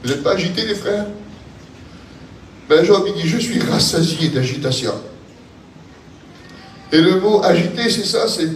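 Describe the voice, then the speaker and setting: A man with a southern French accent preaching a sermon in an impassioned, repetitive cadence that builds to shouting. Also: high-pitched, lively intonation, a little slow, pauses often, slight background noise. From France. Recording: echoey hall, voice from a distance, faint ambience.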